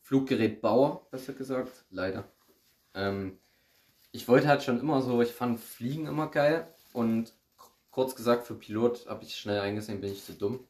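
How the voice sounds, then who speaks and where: A man's voice: mid-range voice, normal speed, a little mellow. A man chatting casually as a podcast guest, slangy and rambling, laughing often. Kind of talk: casual chat. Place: recording room. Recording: roomy echo.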